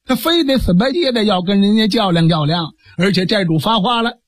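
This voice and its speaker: A man performing a traditional story, dramatic and lively, with asides to listeners. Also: high-pitched, fairly quick, no room sound, clean studio sound.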